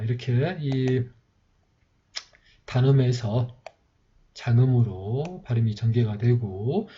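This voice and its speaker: A man's voice: mid-range voice, warm tone, slightly rough. A man patiently teaching how to write the letters of an old script, repeating himself as he goes. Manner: patient, repeats "이렇게 이제" often. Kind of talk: handwriting lesson. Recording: dull lo-fi recording.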